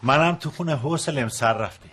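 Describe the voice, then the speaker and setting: A man in his sixties or older playing a retired father who speaks slowly and wryly. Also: on the high side, fairly bright tone, slightly rough. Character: retired old father, slow and wry.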